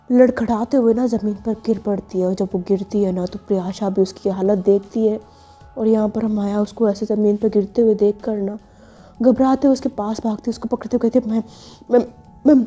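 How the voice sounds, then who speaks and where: A woman's voice: medium pitch, mellow. A woman narrating a love story in a casual, chatty way, in a dull lo-fi recording with faint music. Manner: chatty, uses filler "na".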